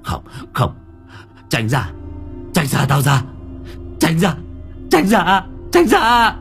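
A man's voice: mid-range voice, big pitch swings, normal speed, sharp tone, soft background music. A man voicing a panicked, stammering rural landlord. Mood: panicked screaming. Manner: stammering, screams in panic, barks orders. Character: terrified wealthy rural landlord, middle-aged man.

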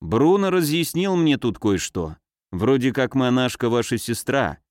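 A man playing a gruff, threatening rebel leader. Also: medium pitch, big pitch swings, a little slow, dry recording, studio quality. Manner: rough, threatening, shouting.

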